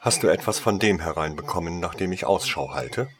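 A man's voice: low voice, lively intonation, moderate pace. A man voicing a cold, commanding noblewoman who hisses orders in a storybook reading.

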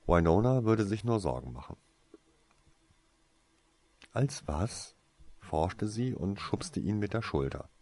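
A man reading a fantasy story aloud, with expressive storytelling. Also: fairly low pitch, normal speed, hardly any pauses. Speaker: reader.

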